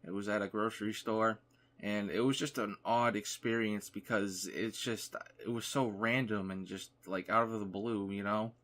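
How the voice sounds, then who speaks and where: A man's voice: on the low side, steady tone, moderate pace, fairly bright tone. Rambling young man telling a story. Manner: rambling, lots of "like" fillers. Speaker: gaming YouTuber. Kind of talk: casual storytelling over gameplay.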